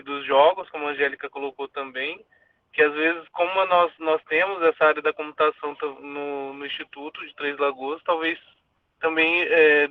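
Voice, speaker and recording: A man's voice: on the high side, no room sound. Tinny Brazilian man on a call. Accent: Brazilian Portuguese. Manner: polite, reflective, hesitant. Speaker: teacher, workshop participant. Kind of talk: online workshop discussion. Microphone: video call. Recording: tinny distant call audio.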